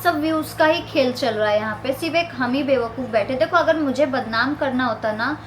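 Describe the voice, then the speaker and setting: A high-voiced woman speaks earnestly to her audience in a home vlog. She presses each point insistently. A faint hum of ambient noise runs underneath. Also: a little fast, rough recording. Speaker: vlogger. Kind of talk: casual talk to camera.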